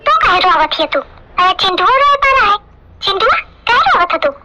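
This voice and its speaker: A woman's voice: very high-pitched, very animated, normal speed, dull audio. A woman voicing an accusing, suspicious mother-in-law. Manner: accusing, interrogating. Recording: loud background noise.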